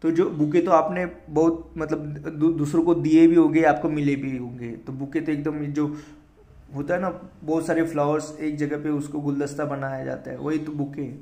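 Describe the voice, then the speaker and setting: A man's voice: on the high side, little pitch movement, moderate pace, mellow, roomy sound. An Indian man teaching English vocabulary in a casual spoken lesson, spelling words out letter by letter and explaining them in Hindi. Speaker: vocabulary teacher for exam prep.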